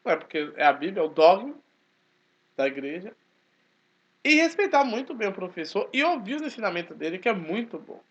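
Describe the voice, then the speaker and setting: A man, talking casually to his channel in a forceful, emphatic way. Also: sits high, a little fast. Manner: speaks forcefully, animated and emphatic. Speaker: channel host, Baptist churchgoer. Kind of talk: casual spoken commentary. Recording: dull lo-fi recording.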